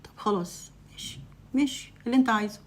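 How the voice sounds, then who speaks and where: Brief: woman doing a curt Egyptian wife, rapid husky delivery. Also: medium pitch, dark tone, lightly acted. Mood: offhand. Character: cold, dismissive young wife.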